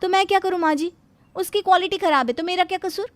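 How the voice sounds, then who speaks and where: A woman's voice: very high voice, quick pace, pitched above the performer's own voice. A woman voicing a cheeky, sassy young bride in a cartoon story, pleading at times and talking back at others. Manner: pleading, then cheeky and loud. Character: sassy young bride hiding big ears.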